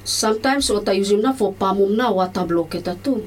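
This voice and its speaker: A woman's voice: medium pitch, a little fast. A woman teacher with a Solomon Islands accent gives a school lesson in Solomon Islands Pijin mixed with English, explaining plainly and repeating key terms. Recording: distant mic with faint background noise.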